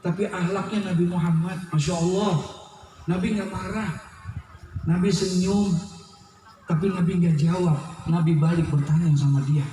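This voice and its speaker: A man preaching a sermon at a mosque gathering, telling stories in an animated way and joking with the crowd. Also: high-pitched, moderate pace, a little hiss or hum. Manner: animated storytelling, jokes with the crowd. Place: mosque hall at a religious gathering. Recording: echoey hall, far from the mic.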